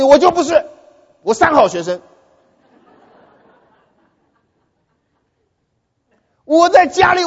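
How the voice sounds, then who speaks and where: A man's voice: extremely high pitch, long reverb tail, lo-fi sound, pitched above the performer's own voice. A man voicing an indignant, self-righteous young woman in her twenties who scolds and demands answers.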